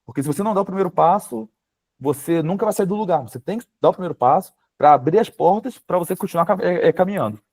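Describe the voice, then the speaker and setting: A man's voice: high-pitched, animated, quick pace, a little mellow. A man in his late twenties with a Brazilian Portuguese accent, speaking casually over a video call as a webinar guest, dotting his talk with fillers. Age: late 20s. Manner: informal, frequent fillers like "sabe?" and "tipo". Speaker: guest speaker, power systems engineer. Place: home, remote video call.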